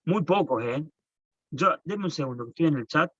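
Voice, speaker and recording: A man's voice: on the high side, lively intonation, normal speed, a bit bright, breathy edge, dry recording. A man teaching an online class, explaining patiently and often restarting his phrases. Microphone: computer mic on a video call. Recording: dull, dry lo-fi call audio.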